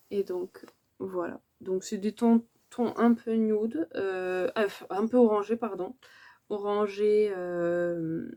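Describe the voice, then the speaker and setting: A woman with a medium-pitched, slightly mellow voice chats her way through a casual beauty unboxing vlog. She's hesitant yet talkative, full of fillers and self-corrections.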